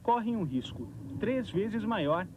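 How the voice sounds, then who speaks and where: A man's voice: high-pitched, sing-song, slow pace. A man with a Brazilian accent narrating a scripted TV news report, recorded on an old VHS tape. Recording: noisy 1990s VHS tape of TV broadcast.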